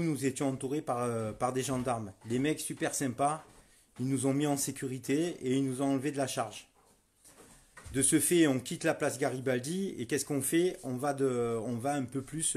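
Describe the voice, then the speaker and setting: A middle-aged man, a volunteer street medic, telling what happened to him in a heated, repetitive first-person testimony. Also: medium pitch. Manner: starts subdued, grows loud and furious, repeats himself.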